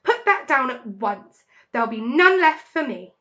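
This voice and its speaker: A woman voicing a small, sharp-faced male rat who snaps and shrieks his retorts in a children's story. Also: high voice, big pitch swings, measured pace, muffled recording, heavily acted. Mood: indignant, shrieking.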